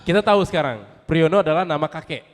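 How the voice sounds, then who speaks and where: A man's voice: a little high, lively intonation, quick pace. A man from West Java with a Sundanese accent hosting a casual interview, playfully prompting with questions and echoing answers. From West Java, Indonesia. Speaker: interview host. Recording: long hall-like reverb.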